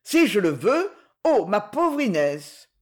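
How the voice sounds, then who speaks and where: A man's voice: sits high, very animated, slow, heavily acted. A man reading an anxious impetuous young man.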